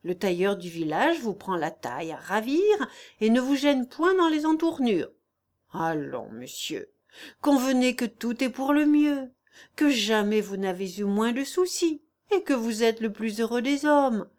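A woman reading the part of a cheerful, contented elderly lord of a manor in an audiobook, in a jovial, warm-hearted manner. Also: fairly high pitch, very animated, a little slow.

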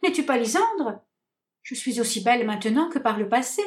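A woman's voice: fairly high pitch, lively intonation, moderate pace, lightly acted. A woman voicing a small, fiery young woman jilted in love, theatrical and full of indignant questions, in a read-aloud stage comedy. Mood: hurt, bewildered.

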